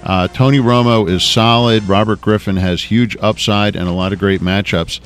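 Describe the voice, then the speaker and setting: A man's voice: fairly low pitch, steady tone, moderate pace, faint music behind. A man co-hosting a radio sports show, blunt and opinionated, often repeating words as he goes. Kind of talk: casual radio sports talk.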